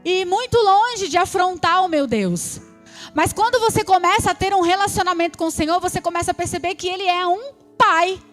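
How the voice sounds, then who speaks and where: A woman's voice: very high-pitched, a little fast, soft background music. A woman preacher delivering a sermon, stretching out her lines for emphasis and often asking the congregation "amém?".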